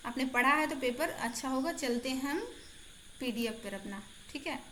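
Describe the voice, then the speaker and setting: Over a shared screen, a high-pitched woman gives a casual exam-prep lesson online at a moderate pace, chatty and encouraging, repeating each answer aloud for her students. Her slightly bright voice sounds echoey, with a faint hiss underneath.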